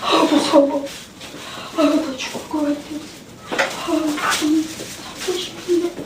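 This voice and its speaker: A scared, worn-out miner father, played by a woman, moans that he cannot bear to go down into the deep pit. The voice sits high, heard from a distance in an echoey hall with background noise. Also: fairly even intonation, slow pace. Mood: fearful, despairing. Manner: moaning, despairing monologue. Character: frightened weary miner father, middle-aged man.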